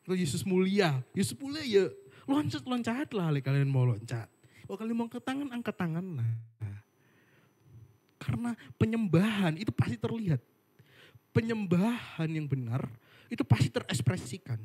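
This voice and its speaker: A man's voice: sits high, big pitch swings, normal speed, darkish tone, slightly rough. Chatty young man preaching casually. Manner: chatty storytelling, jokey asides, slangy. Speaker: worship speaker. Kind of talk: casual sermon. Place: online worship service.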